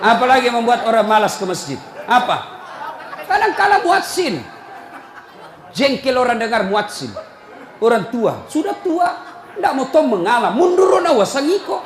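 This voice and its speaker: High-voiced preacher shouting in an echoey hall. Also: male voice, big pitch swings, normal speed. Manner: teasing, scolding, often breaking into shouts. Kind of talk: humorous sermon to a congregation. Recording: echoey hall, faint crowd and noise.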